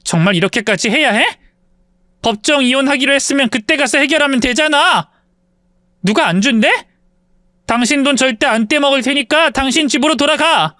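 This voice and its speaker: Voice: high voice, moderate pace, no echo, studio quality, pitched above the performer's own voice. A man doing a furious, scornful wife. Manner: shouting, scornful. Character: angry adult woman, a wife confronting her husband.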